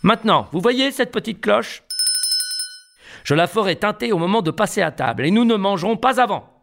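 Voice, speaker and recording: A man's voice: high-pitched, lively intonation, moderate pace, gravelly, fairly bright tone, slight background noise, pitched above the performer's own voice, heavily acted. A man voicing a self-important, stern butler in a children's storybook. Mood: bossy. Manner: indignant, emphatic.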